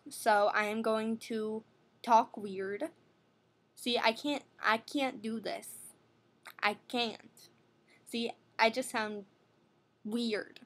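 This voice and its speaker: Extremely slow with long pauses, a teenage girl's fairly high, bright voice holds a steady tone. She's a New York City beauty vlogger chatting about skincare at night in her bedroom, recorded by a desk webcam, rambling with lots of fillers and self-corrections.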